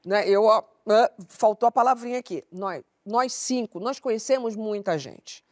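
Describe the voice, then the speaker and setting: A woman hosting a lively group chat, steering the talk and jumping in often. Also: on the high side, normal speed, no room sound, studio quality. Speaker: host. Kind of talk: casual panel chat.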